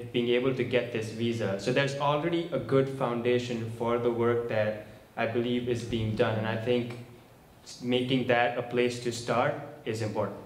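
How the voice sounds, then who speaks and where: A man speaking at a forum in long, measured, winding sentences. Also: mid-range voice. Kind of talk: open forum remarks. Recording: echoey room, faint noise.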